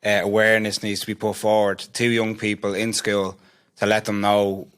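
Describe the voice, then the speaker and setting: A man's voice: on the low side, completely flat delivery, moderate pace, a bit bright, smooth. A man co-hosting an interview podcast who talks steadily and agrees with his guests. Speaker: podcast co-host.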